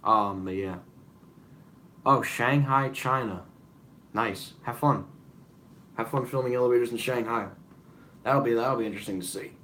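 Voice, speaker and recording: A man's voice: mid-range voice, normal speed, pauses often, fairly bright tone, a little hiss or hum. A young man hosting a casual live-stream Q&A, rambling with many fillers and apologies. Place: room at home with noise behind.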